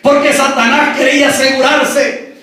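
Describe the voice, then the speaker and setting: A man preaching a Sunday sermon to his brothers in faith, fervent, breaking into shouts on key phrases. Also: very high voice, level tone, normal speed. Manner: addresses the congregation as brothers. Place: large church hall. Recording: echoey church hall from far off.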